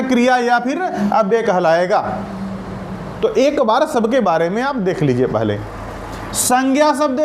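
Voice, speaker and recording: A male teacher with a very high voice explains grammar in a recorded lesson. He poses questions and answers them himself, and he repeats the key sentences slowly. His voice rings in a roomy space, with a faint hiss underneath.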